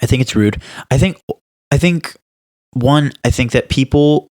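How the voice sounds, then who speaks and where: Speaking at a measured pace in a mid-range voice, a young podcast co-host keeps the conversation casual. He laughs and tells stories with animated emphasis.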